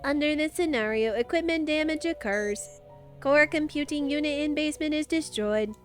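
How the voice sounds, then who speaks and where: A woman's voice: sits high, moderate pace, soft background music, pitched above the performer's own voice, lightly acted. A woman voicing a clipped, emotionless female robot computer in a robot voice, reading game dialogue. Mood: flat. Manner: robot voice, terse machine-like statements.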